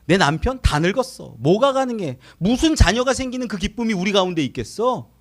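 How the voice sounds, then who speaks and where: A man's voice: high-pitched, sing-song, a little fast. A man doing a scoffing old woman. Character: doubting elderly woman, dismissive.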